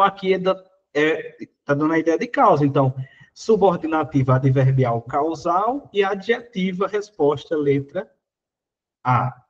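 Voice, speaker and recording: A man's voice: high-pitched, lo-fi sound. A Brazilian Portuguese man teaching, working through exam questions in a casual, conversational way, full of little fillers.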